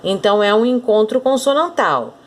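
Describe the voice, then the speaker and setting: A Brazilian woman teaching an online class to children, explaining slowly and deliberately and often saying "look". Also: mid-range voice, big pitch swings. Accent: Brazilian Portuguese. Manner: slow, deliberate explanations with frequent "olha".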